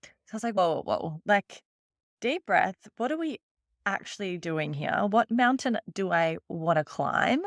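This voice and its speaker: An Australian woman who owns an agency is a guest on a podcast, chatting casually in an interview and acting out her own thoughts as quotes. Her mid-range voice is very animated yet unhurried, recorded in studio quality with no echo.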